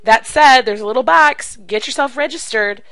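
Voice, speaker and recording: A woman coaching direct sales in an animated, emphatic way, acting out phone calls as she teaches. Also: high voice, normal speed, no echo, rough recording. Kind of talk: coaching video talk to camera.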